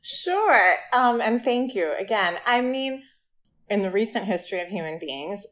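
Female author as interview guest: mid-pitched, thoughtful, well-spoken, lightly humorous. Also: very animated, unhurried, a bit bright. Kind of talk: thoughtful conversational interview answers.

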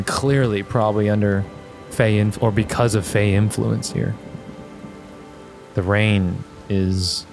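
A man running a tabletop role-playing game as game master, describing scenes in a conversational, improvised way. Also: on the low side. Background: music and rain sounds.

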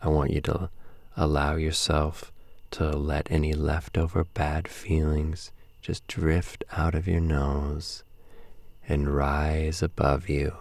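A man guiding a sleep meditation in a soft, slow, soothing voice that drifts into whispers. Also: a bass voice, creaky, no echo. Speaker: meditation guide.

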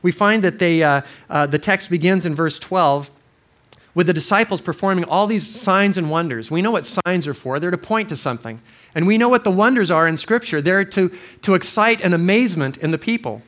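A man's voice: sits high, expressive, brisk, fairly bright tone. A male pastor reading scripture, praying and preaching a sermon in an earnest way, often restarting phrases. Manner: reads scripture, then prays.

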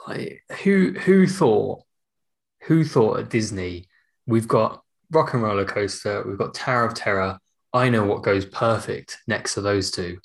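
Lowish-voiced British man chatting casually. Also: unhurried, vocal fry. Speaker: podcast co-host. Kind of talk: casual chat.

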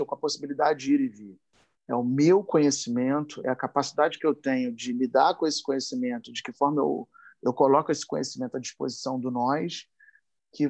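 A Brazilian man with a Carioca Portuguese accent delivers an impassioned talk in a mid-range, darkish voice. He's emphatic, scattering slangy asides, and his voice rises and speeds up whenever he gets worked up.

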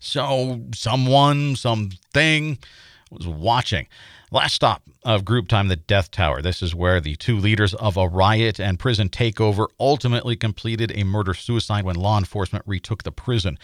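An American man narrating a scripted paranormal feature as host, in a measured, suspenseful storytelling manner. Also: lowish voice, no echo, studio quality.

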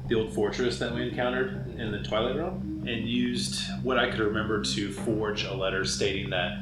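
A man's voice: on the low side, fairly even intonation, moderate pace, heavy background noise. A man as a player in a tabletop game, mixing casual table talk with in-game role-play. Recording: roomy sound under loud music.

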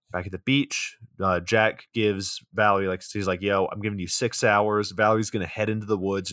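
A man's voice: deep voice, fairly bright tone, dry recording. Laid-back man recapping a movie. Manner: laid-back recapping with profanity and dry asides. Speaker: podcast co-host. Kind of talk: casual movie recap chat.

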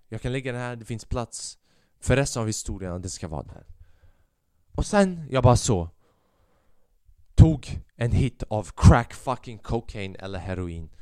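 Young man, solo podcast host, heated and profane, smooth voice, dry close mic. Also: mid-range voice, pauses often, no room sound. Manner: animated, swears a lot, mixes in English phrases. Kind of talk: casual solo podcast monologue.

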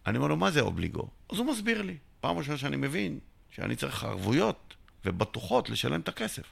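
A middle-aged man from Israel, an interviewee telling his business story in an animated way, acting out both sides of each conversation. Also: medium pitch, creaky, husky. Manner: tells a story by acting out both sides of a dialogue, sometimes shouting. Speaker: interviewee, entrepreneur. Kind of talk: animated storytelling with acted dialogue.

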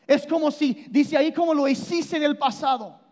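Man, preacher, sermon, very high voice, emphatic, repeats words, hall reverb. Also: moderate pace. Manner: animated, shifts between loud emphasis and low intensity; repeats and restarts words while explaining.

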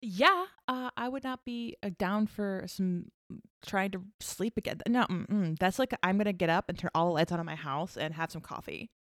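A woman co-hosting a podcast, reacting to a spooky story with jokes and quick comments. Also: mid-range voice, a bit bright, dry recording, clean studio sound. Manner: reactive, jokey, quick to laugh and gasp. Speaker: podcast co-host. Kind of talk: casual chat.

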